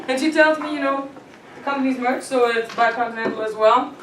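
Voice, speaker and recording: A woman's voice: high voice, brisk. A woman coaching a small group on etiquette and presence, talking emphatically and laughing often. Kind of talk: workshop talk to a small group. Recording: roomy and distant with background noise.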